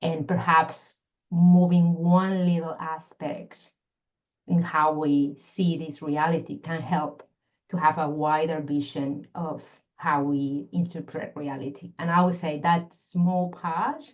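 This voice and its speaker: The podcast guest, a middle-aged Peruvian scientist and constellation facilitator, has a deep voice and a flat, slow delivery, captured on dull audio. She explains her work thoughtfully in a Peruvian Spanish accent, regularly reaching for words.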